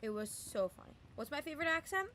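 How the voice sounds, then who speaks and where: A very animated young adult game streamer chats quickly on a live stream in a high, sharp voice, rambling with lots of "um" and "like." They keep breaking into playful voices and mimicry while slight background noise hums along.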